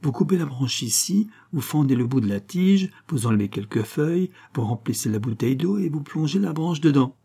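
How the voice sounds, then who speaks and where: A man's voice: fairly high pitch, expressive, fairly quick, vocal fry, hardly any pauses, mellow, slightly rough, pitched above the performer's own voice, exaggerated voice. A man doing Ileana, a naive young woman. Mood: ingenuous. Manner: ingenuous, explaining.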